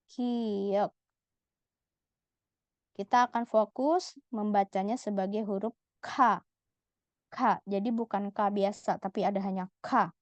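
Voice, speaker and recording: Speaking slowly with long pauses, a woman with a steady, mid-range, darkish voice walks through Korean letters one step at a time. She pronounces every syllable and says it again, and the slightly dull lo-fi recording has no room sound.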